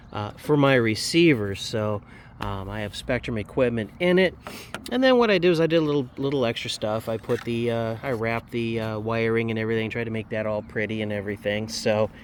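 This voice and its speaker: A man hosts a casual hobby review at a middling pitch, speaking haltingly with a sore, slightly swollen jaw. There is noticeable background noise with a vehicle-like rumble behind him. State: sore, slightly swollen jaw after surgery, talking a little oddly. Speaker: RC hobby channel host reviewing a model plane. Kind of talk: casual hands-on product review.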